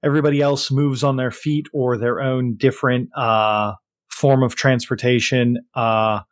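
A man narrating a tabletop game as game master, improvising haltingly as he searches for words. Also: mid-range voice, fairly even intonation, no echo, studio quality.

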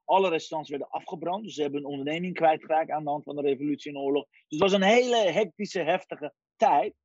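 A man in his forties from Iran, a guest telling his life story in a lively casual way, sprinkling in English phrases. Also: on the high side, quick pace, dry recording. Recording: dry, dull lo-fi sound.

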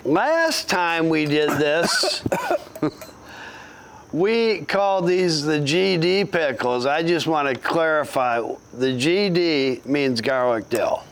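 Male host with a somewhat high voice. Casual, teasing, laughs easily. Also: lively intonation, slow pace, a little hiss or hum. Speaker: podcast host. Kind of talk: casual interview chat.

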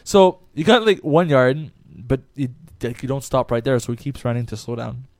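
A man's voice: medium pitch, animated, moderate pace, darkish tone, no room sound. A man in a casual sports chat, rambling through a game story with restarts and casual swearing. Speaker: podcast co-host.

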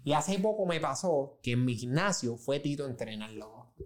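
A man talks casually in a studio, his voice pitched mid-range for a man. He tells stories loosely and slangily, often restarting his sentences. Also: animated, normal speed. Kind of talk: casual chat. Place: recording studio.

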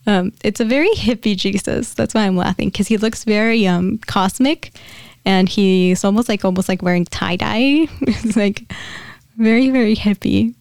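A young woman guest on a podcast, chatting casually and describing a spiritual channeling, often laughing and dropping to a soft near-whisper. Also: medium pitch, moderate pace, clean tone, no room sound, clean studio sound.

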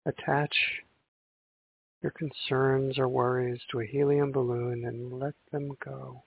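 A man leading a guided meditation in a slow, soothing sleep story narrator manner, with long pauses between gentle instructions. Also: mid-range voice, level tone, vocal fry, a little hiss or hum. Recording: muffled, phone-like narrow sound.

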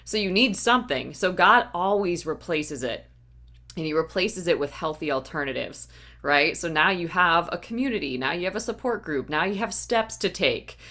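A woman's voice: lowish voice, pushed and bright. A woman hosting a faith podcast as a life coach, talking earnestly and often asking "right?". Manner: earnest, uses "right?" tags. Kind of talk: encouraging podcast talk.

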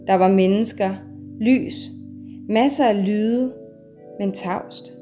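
A woman, a mother, reading her own first-person story aloud in a measured, heavy way. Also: mid-range voice. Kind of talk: scripted first-person narration. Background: soft guitar music.

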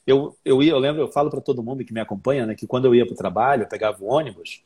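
Husky man telling lively stories. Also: mid-range voice, racing. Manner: animated storyteller, acts out his own past thoughts. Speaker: English teacher, interview guest. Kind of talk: casual interview chat.

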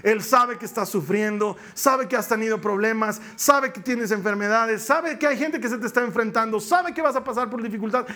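A man's voice: very high-pitched, moderate pace, hardly any pauses, pushed and bright. A pastor giving a sermon in church, preaching emphatically with repeated phrases and acting out the voices he quotes. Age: adult with a young daughter.

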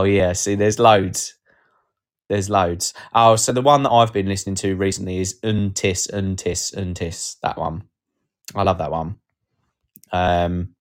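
A man hosting a live podcast, chatting casually and jokily, reading out comments from listeners. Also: low voice. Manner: rambling, jokey, reads out chat comments. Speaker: podcast host.

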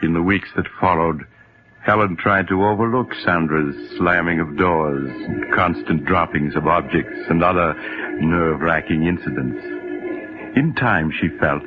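A man narrating a 1940s radio drama in a measured way, on a tinny old recording. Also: sits low, music in the background.

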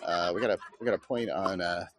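A man hosting a podcast and giving live play-by-play, talking low and hushed like a golf announcer, with lots of fillers, outdoors by a pickleball court. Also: fast talker. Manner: hushed, golf-announcer-style near-whisper, with a filler-heavy delivery. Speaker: podcast host. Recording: wind and outdoor noise.

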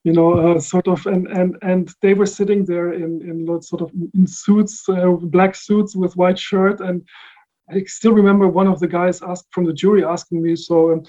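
A man's voice: high-pitched, flat delivery, normal speed, mellow, muffled recording. A man who grew up in the Netherlands, answering interview questions about his work in a casual, thoughtful way with frequent fillers and restarts. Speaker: recording engineer guest.

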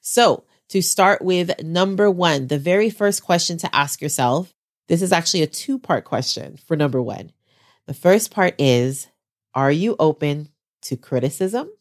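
A special education teacher hosts her own solo podcast, chatting with listeners in an encouraging way while stuffed up and getting over the flu. Her lowered, congested voice is still expressive, and she speaks unhurriedly.

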